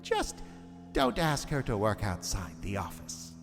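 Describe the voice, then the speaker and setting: A man's voice: on the low side, huge pitch swings, a little slow, full character voice. A man playing a gleefully macabre warlock horror host, narrating in a theatrical, savoring, sardonic way. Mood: sardonic relish. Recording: long reverb, music behind.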